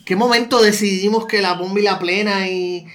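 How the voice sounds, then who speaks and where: A man's voice: sits high, fairly even intonation, fairly bright tone. Brief: Puerto Rican male co-host, casual talk, stumbles and restarts as he thinks aloud. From Puerto Rico. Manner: halting, many restarts and repeated words. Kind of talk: casual discussion.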